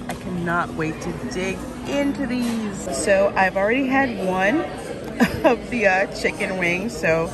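A young woman chatting eagerly about food in a casual vlog, filmed on a phone at arm's length in a busy restaurant. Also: medium pitch. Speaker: food vlogger. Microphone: phone camera at arm's length. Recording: loud restaurant crowd and music. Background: loud crowd chatter and music.

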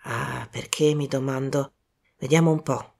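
A woman voicing a calm, grave older male detective in an audiobook reading, speaking slowly and quietly. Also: very deep voice, creaky, voice pushed down, full character voice. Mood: grave, measured. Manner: slow, hushed and measured.

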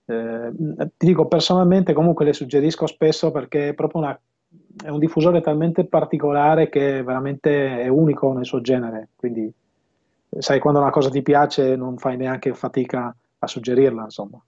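A man in his fifties who installs and sells audio systems is interviewed over a video call using an earphone headset, from an indoor room at home with bookshelves. He talks casually in a mellow, mid-range, steady voice, often pausing mid-sentence as he explains things, and the call audio is dull and lo-fi.

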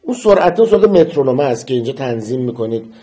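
Mellow-voiced man teaching metronome practice. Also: mid-range voice, sing-song. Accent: Persian. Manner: counts beats aloud, hums melody slowly. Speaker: music teacher. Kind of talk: casual instrument lesson.

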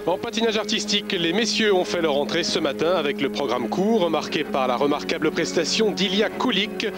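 A man's voice: on the high side, expressive, brisk. Man reading sports news over music.

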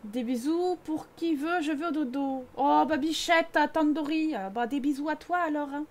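A woman's voice: high voice, moderate pace, a little mellow. A young woman streamer with a Parisian accent, chatting casually and teasingly with her chat while playing a game. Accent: Parisian French. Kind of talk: casual live-stream chat over gameplay.

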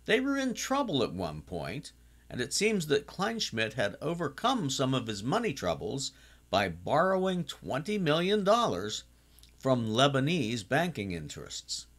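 Older man with a lively, swooping voice. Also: mid-range voice, measured pace. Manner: chatty, with animated exclamations. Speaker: TV series reviewer. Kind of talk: casual recap narration.

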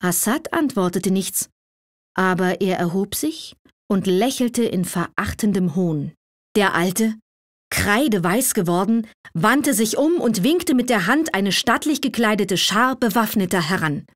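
Female audiobook narrator, mid-pitched, measured and expressive; dry studio sound. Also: no room sound. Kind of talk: audiobook fairy-tale reading. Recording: dry close recording.

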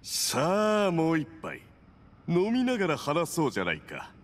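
A man's voice: fairly high pitch, huge pitch swings, unhurried, a little hiss or hum. A man voicing a smug, domineering villain envoy in an anime game, with a pompous, condescending and insinuating manner. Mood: mocking, pressing.

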